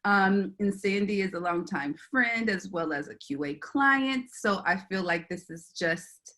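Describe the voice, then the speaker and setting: A woman's voice: medium pitch, a little slow, sharp tone. A woman hosting an interview, introducing her guest in a friendly, casual way with fillers. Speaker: host.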